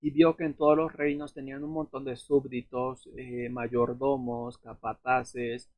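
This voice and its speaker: A man with a husky, slightly worn voice teaches scripture in a relaxed, explanatory way, pausing on fillers and checking in with tag questions. His voice sounds close and dry, with no room echo. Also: medium pitch, narrow, tinny audio. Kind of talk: unscripted Bible lesson.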